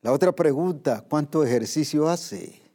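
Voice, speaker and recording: A man preaching a sermon, emphatic, moving between raised and hushed delivery and slowing down to stress scripture. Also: a little high.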